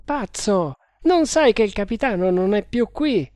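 Reader putting on a proud stubborn sepoy sergeant from a storybook, scornful, defiant, raised higher voice, slow, dry close sound. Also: animated, warm tone, no room sound, natural voice. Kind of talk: audiobook reading of an adventure novel.

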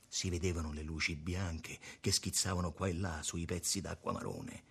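A man reading a novel aloud with expressive storytelling. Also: deep voice, normal speed, creaky, husky. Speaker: narrator.

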